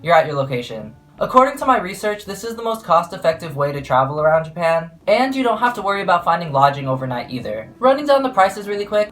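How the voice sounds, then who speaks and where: A woman's voice: lowish voice, fairly bright tone. A young woman narrating her travel vlog in a playful, jokey, self-mocking way. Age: young adult. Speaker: vlogger.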